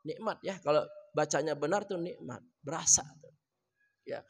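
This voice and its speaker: A man's voice: fairly high pitch, gravelly, husky. Man chanting verses in reverberant hall. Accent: Indonesian. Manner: chants verses melodically, then explains pronunciation softly and quickly. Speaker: Quran teacher. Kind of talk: Quran recitation lesson in a mosque. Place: mosque hall.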